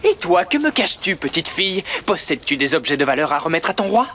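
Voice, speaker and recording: A man's voice: fairly high pitch, very animated, fast talker, bright, forceful tone, slight background noise. A man playing a vain, blustering, boyish storybook villain sheriff in a dubbed TV sitcom, pompous and theatrical. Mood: menacing, pompous.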